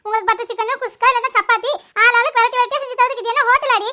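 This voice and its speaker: A woman voicing a hot-tempered cartoon mother who scolds her children quickly and sharply. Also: fairly even intonation, pushed and bright. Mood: scolding. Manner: scolding, rapid, shrill. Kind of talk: cartoon voice acting.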